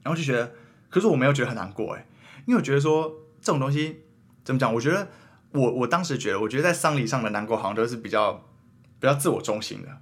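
A young man with a Taiwanese Mandarin accent talks quickly in a husky voice. He is a podcast host in easygoing chat, rambling and questioning himself as he works through his thoughts out loud. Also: medium pitch, animated. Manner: earnest, rambling, self-questioning. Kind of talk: casual chat.

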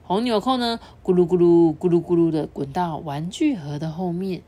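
A woman reading a children's story aloud, animated and chatty, talking with a child listening beside her. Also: fairly low pitch, moderate pace.

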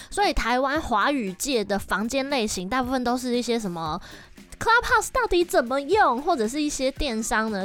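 A young woman, hosting a casual podcast and telling stories in a lively, chatty way. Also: a little high. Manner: lively, chatty, animated storytelling. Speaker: podcast host.

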